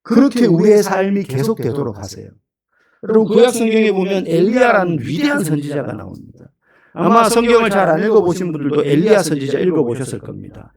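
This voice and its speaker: Brief: male pastor, higher-pitched voice, animated emphatic sermon delivery. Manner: animated, emphatic preaching with rhetorical questions.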